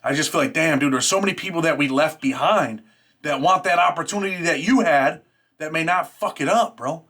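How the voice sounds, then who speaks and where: A man interviews someone in casual, slangy talk. He speaks very quickly with a bright, hard edge and presses his points insistently. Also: a little high. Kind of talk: casual, earnest street-talk conversation.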